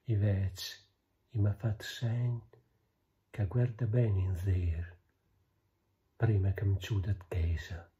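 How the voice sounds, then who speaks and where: Dark-voiced Romagnol man reciting Italian dialect verse. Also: lowish voice, fairly even intonation, takes it slowly, long pauses. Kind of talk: poetry reading. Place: small plain room, indoors.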